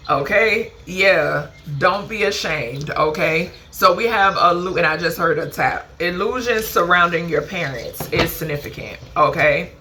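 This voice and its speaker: A woman's voice: on the low side, measured pace, hardly any pauses, bright, forceful tone, slight background noise. A woman giving a casual channeled card reading to her viewers, chatty and emphatic, ending nearly every phrase with a questioning "okay?". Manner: emphatic, swears casually, calls viewers "baby" and "honey". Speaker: spiritual card reader.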